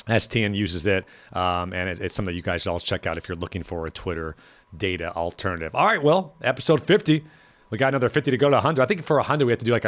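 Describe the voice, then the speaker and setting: Raspy, sick-sounding man, quick talker. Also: on the low side, a bit bright. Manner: fast, upbeat chatty delivery. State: hoarse from being sick. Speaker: podcast host. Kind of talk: casual podcast outro.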